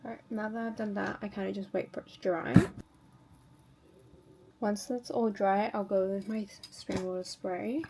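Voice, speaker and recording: Over background noise, a woman with a medium-pitched, level voice and some vocal fry talks at normal speed. She's a beauty vlogger casually chatting to viewers, informally narrating each step of her routine in a tutorial style.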